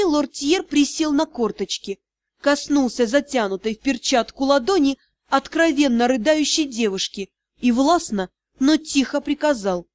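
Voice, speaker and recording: A woman reads a first-person novel aloud in a steady, expressive voice. Her pitch sits a little high, and the sound is dry and close to the mic. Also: no room sound. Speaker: audiobook narrator. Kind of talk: first-person scripted narration.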